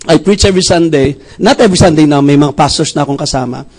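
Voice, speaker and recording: A middle-aged man from Bacolod in the Philippines, a pastor giving a motivational testimony speech, telling stories in a lively way and acting out the dialogue. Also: a little high, fast, rough recording. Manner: animated storyteller who acts out dialogue.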